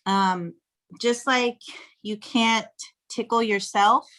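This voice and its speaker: A lively woman in her thirties from Texas talks as a podcast guest. She is animated and playful, with frequent laughter running through her casual chat. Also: fairly high pitch, takes it slowly. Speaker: podcast guest, flirt coach.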